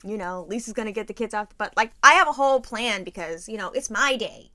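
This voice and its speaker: A woman hosting a podcast, telling a story in a casual, animated and profane way, laughing as she goes. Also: medium pitch, quick pace. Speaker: podcast host.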